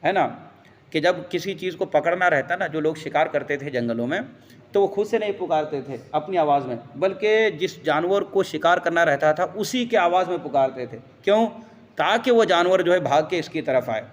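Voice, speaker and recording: A man's voice: on the high side, animated. Man teaching a religious lesson in a hall. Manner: explanatory, quotes Arabic verses, asks and answers his own questions.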